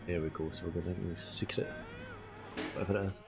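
A man's voice: low voice, fairly even intonation, quick pace, creaky, music in the background. A man with a Scottish accent giving casual live gameplay commentary and chatting to his viewers. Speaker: game streamer.

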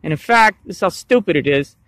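A man hosting a casual toy unboxing vlog, jokey and animated, swinging between loud hype and quick mumbled asides. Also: high-pitched, dry recording. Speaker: toy review host.

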